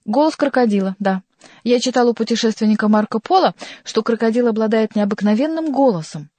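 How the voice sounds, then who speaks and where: A woman's voice: a little high, animated, a little fast, dark tone, no echo, voice pushed up. A woman voicing a sly male court jester who teases and mocks in an ironic manner, reading a storybook. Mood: mocking. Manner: teasing, ironic.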